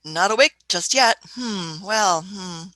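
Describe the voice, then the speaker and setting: In an amateur radio play, a woman plays an eccentric, curious elderly time traveller who mutters and hums while thinking, musing aloud with "hmms" and hesitant restarts. Her mid-range voice is pushed and bright, she takes her time, and there is no room sound.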